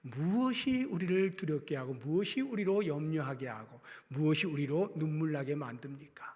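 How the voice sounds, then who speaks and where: A man preaching a sermon as pastor, swinging from loud emphasis to hushed, almost whispered lines. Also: on the high side, expressive, moderate pace. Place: church sanctuary. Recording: long reverb of a church hall.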